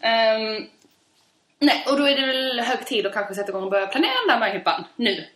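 A woman hosting a podcast, telling stories in casual chat and laughing often. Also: a little high. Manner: lively storyteller, laughs often. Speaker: podcast host. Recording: echoey room.

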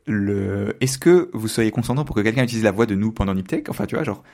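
A man chatting casually on a podcast, rushing through ideas with frequent restarts. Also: lowish voice, lively intonation, creaky, a little mellow. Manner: rapid talk with restarts and stammers. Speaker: podcast co-host.

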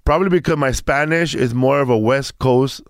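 A man's voice: mid-range voice, moderate pace, clean tone, dry recording, studio quality. A man in his fifties from Mexico, telling stories in a casual chat with lots of restarts and acted-out quotes. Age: 50s. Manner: rambling storyteller, restarts, acts out quotes.

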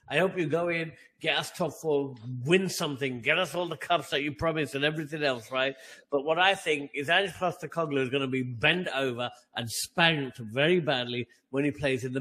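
A middle-aged man with a slightly high voice rants heatedly on a fan podcast. He talks emphatically and keeps firing off rhetorical questions. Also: fairly bright tone. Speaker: podcast co-host.

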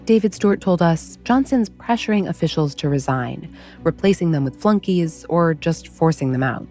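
Woman host, slightly low, mellow voice, wry scripted history narration over faint music. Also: animated, moderate pace. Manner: wry, conversational storytelling. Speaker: podcast host.

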